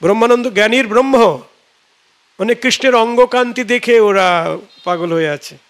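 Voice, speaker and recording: A man with a Bengali accent giving a devotional sermon, telling scripture stories and chanting verses in a drawn-out way. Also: very high voice. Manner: tells scripture stories acting out dialogue. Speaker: preacher.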